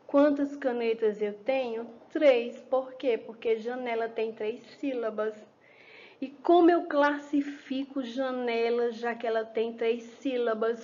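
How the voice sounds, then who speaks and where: A woman teacher with a fairly high voice talks very slowly and patiently, as if to small children. She asks a question and then answers it herself. The recording sounds a little muffled and lo-fi. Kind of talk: children's lesson explanation.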